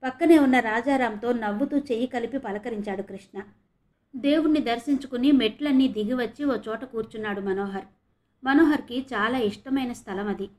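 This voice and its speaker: A woman from Andhra Pradesh reads an audio novel aloud, her storytelling steady and clear. Her voice sits somewhat high for a woman. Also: fairly quick. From Andhra Pradesh, India. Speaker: audiobook narrator.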